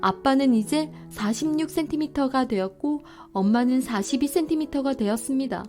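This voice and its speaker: A woman reads a children's storybook aloud in a gentle, measured way. Her voice sits a little higher than most. Soft music plays faintly behind her. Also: animated. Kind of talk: storybook reading.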